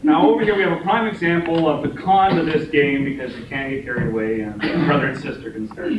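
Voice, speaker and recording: A man giving a joking, relaxed class presentation on car games, with many fillers and laughs. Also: a little high, fast talker. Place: room with a small group. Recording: echoey room from far off, noisy.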